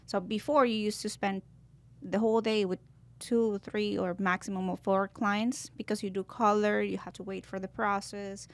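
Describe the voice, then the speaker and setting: A Colombian-born woman in her twenties, a guest barber in a podcast interview, telling her story in a thoughtful, lightly halting way. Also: mid-range voice, little pitch movement. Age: 20s. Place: podcast studio.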